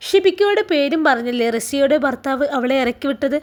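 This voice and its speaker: A woman's voice: high voice, lively intonation, fairly quick. A woman playing a caring teasing friend. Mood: consoling. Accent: Malabar Malayalam. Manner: comforting, scolding fondly.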